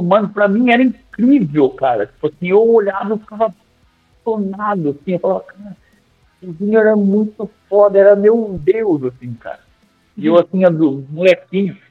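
A young man, a singing teacher, telling animated, slangy stories in a podcast interview and acting out his own old lines. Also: sits high. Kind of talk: casual storytelling in a podcast interview. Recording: tinny phone-like sound with faint music.

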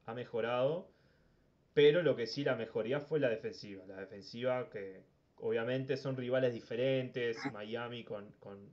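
The host of a casual sports talk show, a Uruguayan man with a mid-range voice, is heard on audio with the highs cut off. His speech rambles, and he repeats words often as he thinks.

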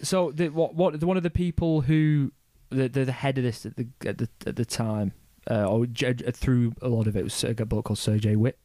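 A man's voice: mid-range voice, steady tone, brisk, hardly any pauses, warm tone, dry recording. Man, casual podcast chat, rambling and sweary, dry close sound. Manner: rambling, sweary storytelling with frequent restarts. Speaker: podcast guest explaining history.

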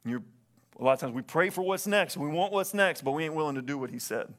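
With a fairly high, fairly bright voice and lively intonation, this pastor preaches at a quick pace. Standing on the stage of his church sanctuary with a stage microphone, he delivers an earnest sermon, repeating phrases and regularly asking for an amen.

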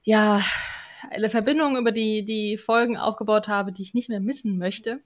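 A woman's voice: mid-range voice, fairly even intonation, normal speed. Playful woman podcast host. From Lower Franconia, Germany. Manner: playful, mixes in English words. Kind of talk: casual podcast chat.

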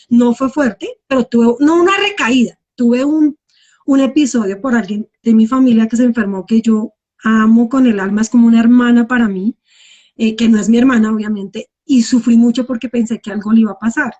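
A woman's voice: fairly high pitch, a little mellow. A woman, telling her personal story as a guest and often calling the host by name. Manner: heartfelt, repeats the host's name often. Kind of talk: emotional personal testimony.

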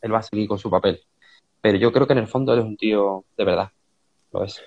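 A man's voice: lowish voice, fast, highs cut off. A man from Spain with a Spanish accent, chatting casually about singers he knows and acting out the conversations, with "tío" in nearly every sentence. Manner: animated storytelling, acts out quoted dialogue, says "tío" constantly. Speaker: musician guest. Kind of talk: casual chat.

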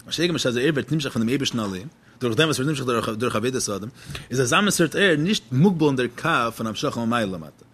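A man's voice: medium pitch, expressive, quick pace, a bit bright, breathy edge. A man giving a religious text lecture as a teacher, posing questions and then answering them.

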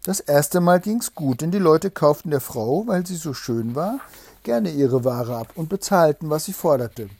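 A man reading a fairy tale aloud to a child, pausing to explain the story gently. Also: fairly high pitch, lively intonation, slightly rough, dry recording.

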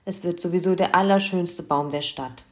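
A woman's voice: on the low side, moderate pace, lightly acted. A woman voicing an earnest young boy in a children's story. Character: young boy, brave but sad.

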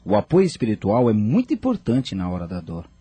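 A grieving, widowed father speaks earnestly in a radio play, voiced by an actor. His low, mellow voice is very husky and moves through a wide range of pitch. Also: huge pitch swings, brisk, heavily acted. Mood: reflective. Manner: earnest, reflective, subdued. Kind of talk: radio drama acting.

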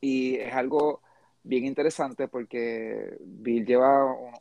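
A man's voice: medium pitch, steady tone, takes it slowly, creaky, darkish tone. A man hosting a casual podcast interview, chatty and rambling with frequent restarts. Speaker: podcast host.

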